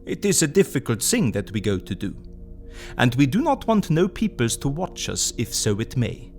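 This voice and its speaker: An actor playing an older professor in an audio drama, earnest and commanding, speaking deliberately in quaint foreign phrasing. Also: male voice, medium pitch, big pitch swings, darkish tone, faint music behind. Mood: grave, approving.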